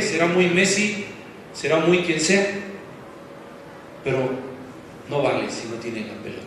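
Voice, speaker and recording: High-voiced pastor in echoey hall. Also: male voice. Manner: emphatic, asks the congregation questions, uses football comparisons. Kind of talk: sermon. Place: church hall. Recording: echoey church hall from far off, faint background noise.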